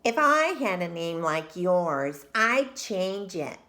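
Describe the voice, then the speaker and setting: A woman's voice: on the low side, very animated, slow pace, bright, forceful tone, heavily acted. A woman voicing a haughty, know-it-all schoolgirl in a children's storybook read-aloud. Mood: smug.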